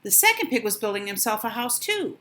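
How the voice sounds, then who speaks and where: Older woman, children's storyteller, expressive, dramatic emphasis, very lively pitch, bright tone. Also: a little fast. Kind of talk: animated children's storybook reading.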